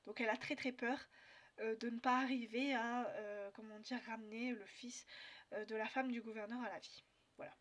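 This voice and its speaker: A French woman vlogging about her reading, talking casually with many pauses, fillers and restarts. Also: on the high side, steady tone, fairly bright tone. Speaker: book vlogger. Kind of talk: casual book review chat.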